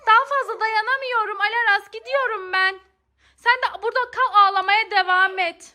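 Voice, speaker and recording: A woman's voice: very high-pitched, steady tone, normal speed, sharp tone. A woman playing a mother in an acted family comedy skit, fussing and exasperated as she repeats her pleas again and again.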